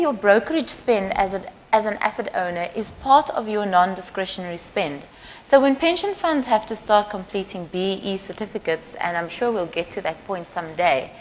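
A woman's voice: medium pitch, rough recording. A woman moderating a panel discussion in a conversational, explanatory way. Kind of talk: semi-scripted panel moderation. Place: live panel event. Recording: clear background noise, live event.

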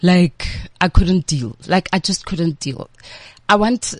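A woman's voice: lowish voice, lively intonation, slow, dry recording. A South African woman giving chatty, informal interview answers, occasionally mixing in local-language words. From Limpopo, South Africa. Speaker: interview guest, entertainment entrepreneur and MC.

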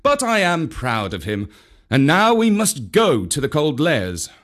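A man's voice: on the high side, huge pitch swings, measured pace, a bit bright, full character voice. A man voicing a proud male panther, commanding, stately old-fashioned speech, somewhat raised voice, storybook. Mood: urgent.

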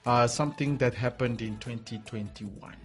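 A man's voice: medium pitch, moderate pace, breathy edge, faint music behind. A man hosting a casual radio sports show in a welcoming manner, often repeating words and phrases for emphasis. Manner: welcoming, greets listeners and co-host. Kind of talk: casual chat with co-host.

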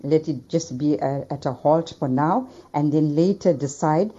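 A low-voiced woman speaks in a recorded voice message played back over the air. Her tone is mellow and earnest as she offers advice, and the sound is dull and lo-fi. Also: measured pace. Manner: earnest, gives advice with Islamic phrases. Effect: voice message played over the radio. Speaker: listener giving advice. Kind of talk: recorded voice note read out as advice.

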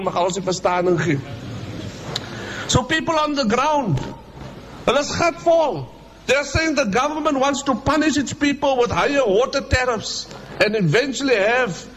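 Male preacher, Cape Town South African accent, high voice, impassioned, colloquial sermon delivery, noisy recording. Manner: impassioned, rhetorical questions, addressing listeners directly. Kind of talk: Friday sermon, code-switching, colloquial.

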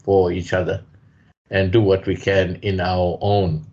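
A man co-hosting a radio talk show, speaking in a measured, hesitant way with many fillers. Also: low voice, flat delivery, darkish tone, slightly rough. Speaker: radio co-host. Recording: dull lo-fi radio sound.

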